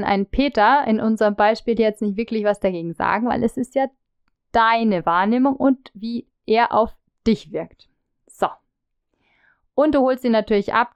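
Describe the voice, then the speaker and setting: A leadership coach with a medium-pitched, clean voice explains a feedback method in a friendly teaching tone, talking directly to the listener and acting out sample phrases. There's no echo.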